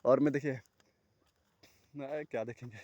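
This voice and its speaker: A man talking to the camera outdoors at night, far from any houses, rambling and earnest, at times loud and a little scared. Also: medium pitch, fairly even intonation, normal speed, no echo, muffled recording. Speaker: vlogger. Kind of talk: casual talk to camera.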